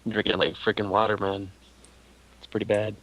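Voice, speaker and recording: A man's voice: on the low side, level tone, normal speed, muffled recording. A man playing a tabletop game, joking and teasing the others. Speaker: player. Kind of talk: casual tabletop banter.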